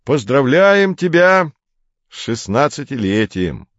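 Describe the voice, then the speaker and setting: A man's voice: mid-range voice, very animated, a little slow, no echo, highs cut off, voice pushed up. A man reading an audiobook, voicing a clever, smug teenage boy who mocks sweetly and sounds pleased with himself. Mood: smug, needling. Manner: sweetly mocking, self-satisfied.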